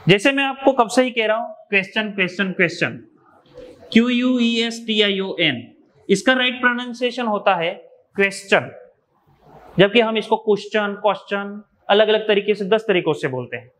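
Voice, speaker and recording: A man's voice: high-pitched, a little fast, fairly bright tone. A man from India giving an exam revision lecture, explaining step by step and repeating key terms. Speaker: teacher.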